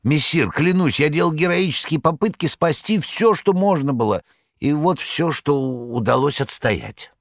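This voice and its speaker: High shrill tomcat, fawning and boastful, audiobook, dry close sound. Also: male voice, lively intonation, measured pace, creaky, no echo. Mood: excited. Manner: shrill, whining, theatrical pleading. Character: boastful excitable tomcat, male, huge, fawning. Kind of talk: audiobook character voice.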